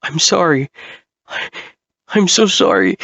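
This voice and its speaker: A man's voice: fairly high pitch, sing-song, slow, gravelly, a bit bright, no echo, voice pushed up, full character voice. A man voicing an anxious, guilt-ridden trucker who sounds rattled and pleading in a horror story. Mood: remorseful.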